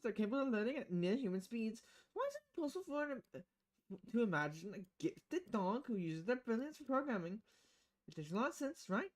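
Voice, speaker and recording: A woman streams a visual novel, reading its dialogue aloud with casual, playful commentary and switching voices from line to line. Her pitch is medium.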